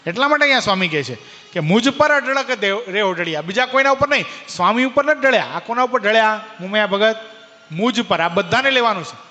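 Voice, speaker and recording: A man preaching a devotional sermon in Gujarati-accented speech. He addresses listeners by name, asks rhetorical questions, and drops to a low hush for emphasis. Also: lively intonation, fast talker, highs cut off. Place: temple hall. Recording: hall reverb with soft background music.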